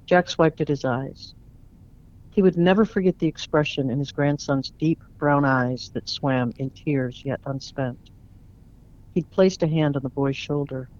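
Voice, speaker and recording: A man with a voice a little higher than most men's reads his short story aloud in an earnest, reflective way. The recording sounds dull and lo-fi. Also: a little mellow. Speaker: guest author. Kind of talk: spoken word story reading.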